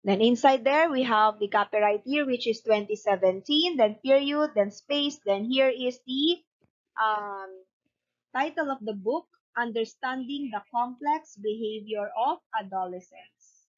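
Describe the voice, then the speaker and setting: A woman's voice: fairly high pitch, a little slow, lo-fi sound. A woman teaching a lesson, methodically dictating punctuation and spelling item by item and explaining each step. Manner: repetitive, methodical. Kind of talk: instructional lesson, explaining citation format step by step.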